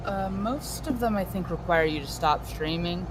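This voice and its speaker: A woman's voice: fairly low pitch, normal speed, noisy background. A woman chatting casually on a gaming stream, dryly sarcastic, talking through a headphone mic. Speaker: livestream co-host.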